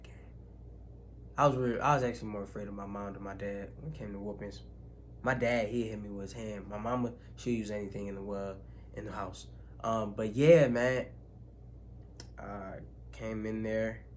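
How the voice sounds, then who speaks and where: Young man telling a painful story. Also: lowish voice. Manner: casual slangy storytelling, restarts and long pauses. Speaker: vlogger. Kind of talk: emotional personal story time. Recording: faint background noise.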